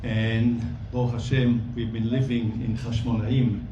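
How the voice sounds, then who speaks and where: A man in his sixties from Belgium, gives a friendly speech at a gala dinner and chuckles softly. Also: medium pitch, level tone, unhurried, muffled recording. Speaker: volunteer bike instructor. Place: banquet hall. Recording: echoey hall, mic far off, noisy.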